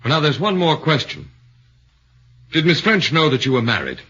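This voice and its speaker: A man performs a shrewd middle-aged defense lawyer in a 1940s radio drama, probing his witness in measured questions, all through a muffled vintage broadcast. The heavily acted delivery is fairly high-pitched, husky and sharp, with huge swings in pitch.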